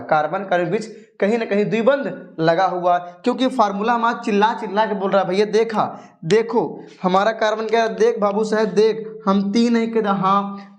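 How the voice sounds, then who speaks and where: A man teaching a chemistry coaching lesson in casual with a tinge, chatty and coaxing, who asks his students questions and then answers them himself. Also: sits high.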